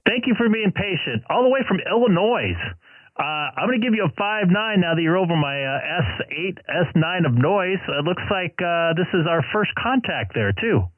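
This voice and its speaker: A man's voice: high-pitched, animated, moderate pace, slight background noise. A man on amateur radio making ham radio calls and contacts, speaking conversationally with hesitations and phonetically spelled call signs. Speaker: amateur radio operator, livestream host. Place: home radio shack. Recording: tinny band-limited phone-like audio, dry.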